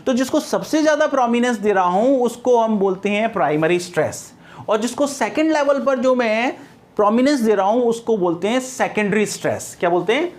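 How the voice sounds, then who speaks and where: A man's voice: very high voice, expressive, a little fast. A male teacher giving a classroom lecture on English phonetics. He mixes English terms into his explanation, repeats key terms and answers his own questions.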